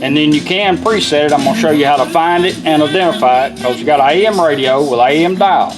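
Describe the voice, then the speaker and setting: A car radio builder gives an informal, plain-spoken product demonstration, walking through it step by step. His voice is a little high and he talks fast, with music playing behind him.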